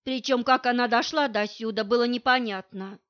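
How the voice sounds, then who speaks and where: A woman's voice: on the high side, normal speed, a bit bright. A woman narrating a first-person novel, a little weary and resigned. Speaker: audiobook narrator. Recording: dull lo-fi recording.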